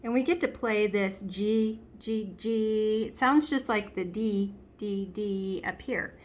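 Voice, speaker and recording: A woman's voice: medium pitch, slow pace. A woman giving a step-by-step piano lesson, patiently explaining and counting and half-singing the beats aloud. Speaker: piano teacher. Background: piano played along.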